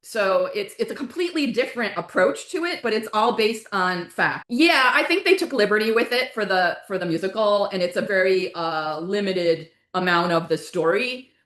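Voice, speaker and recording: A woman with a lowish, fairly bright voice, an author and playwright, talks loosely about her own work as an interview guest. She wanders and backtracks mid-sentence, and the recording has a roomy, echoey indoor sound.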